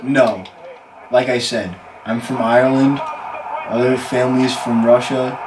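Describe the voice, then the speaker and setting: A man's voice: mid-range voice, steady tone, unhurried. A young American man bantering casually with a friend, teasing and playing dumb. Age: young adult. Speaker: contestant in a pronunciation challenge. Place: small bedroom. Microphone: camera a few feet away. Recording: roomy, distant mic with clear background noise.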